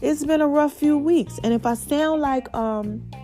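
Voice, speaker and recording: A woman podcast host giving a casual, excited motivational monologue, with a slight lisp and mouthful-sounding speech from stitches after mouth surgery. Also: high-pitched, measured pace, soft background music. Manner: excited, folksy, repeats phrases for emphasis.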